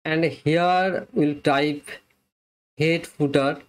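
A young man giving a plain, step-by-step screen-recorded software review and demo, talking close to a webcam mic in a small room. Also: on the high side, steady tone, very slow.

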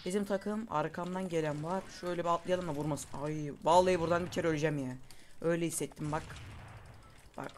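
A young man giving casual, excitable commentary over his own gameplay, calling out moves to his viewers. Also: a little high, fast talker. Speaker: gaming YouTuber. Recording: faint game noise and gunfire behind.

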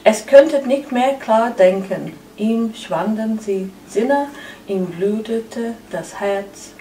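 A woman narrates a tale aloud at a very unhurried, deliberate pace. The room's echo hangs around her words, captured from a distance with a faint hiss underneath. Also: on the high side, dark tone. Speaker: second story reader. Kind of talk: live storytelling reading. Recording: echoey room, far from the mic.

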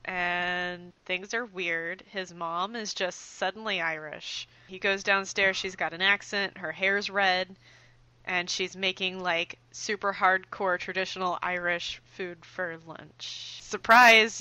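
A woman with a bright, crisp voice co-hosts a casual podcast. She retells things in an animated, chatty way. The sound is close and dry. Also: medium pitch, dry recording, low-quality recording. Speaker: podcast co-host.

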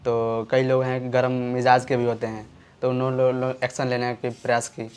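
A young man from Uttar Pradesh, a student, speaking plainly and haltingly in an interview, in a resigned tone. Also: medium pitch, completely flat delivery, darkish tone, smooth. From Ghazipur, Uttar Pradesh, India. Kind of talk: casual interview.

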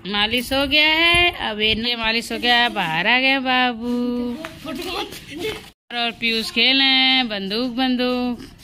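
Woman, family vlogger, casual home narration, playful baby talk, slow delivery, bright tone. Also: fairly high pitch, slight background noise, rough recording.

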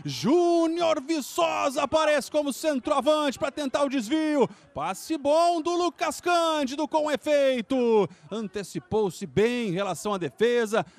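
A Brazilian male football commentator with a very high-pitched voice. He calls the match live with great excitement, drawing out his exclamations and keeping an unhurried overall pace. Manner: exclamatory, with drawn-out shouted calls.

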